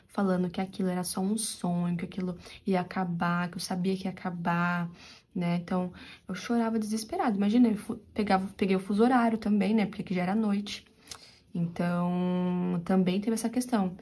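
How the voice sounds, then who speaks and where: A young Brazilian woman with a São Paulo interior accent, telling viewers a personal story in a confiding, animated way while she crochets for her channel. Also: on the low side, fairly quick. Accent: São Paulo interior Brazilian Portuguese.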